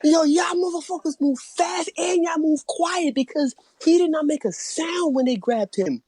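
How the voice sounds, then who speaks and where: A woman's voice: sits high, normal speed, mellow, no room sound. A woman co-hosting a casual podcast chat, ranting expressively. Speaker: podcast co-host.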